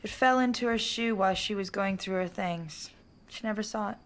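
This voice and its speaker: A woman's voice: mid-range voice, normal speed, lightly acted. A woman playing a sardonic blind sister. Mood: wry. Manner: dry, teasing, biting humor. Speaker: film character, blind sister.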